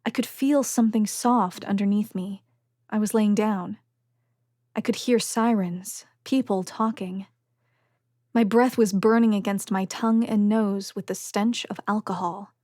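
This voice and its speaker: A woman's voice: mid-range voice, fairly even intonation, a little slow, darkish tone, dry recording. Woman narrating an audiobook, dry and close. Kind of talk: scripted first-person narration.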